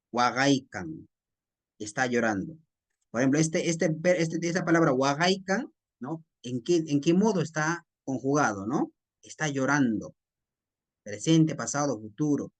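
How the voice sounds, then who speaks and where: Slow-talking man teaching a class. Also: medium pitch. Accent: Peruvian Spanish. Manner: slow, repetitive teacher talk with frequent tag questions. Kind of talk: online class explaining a text.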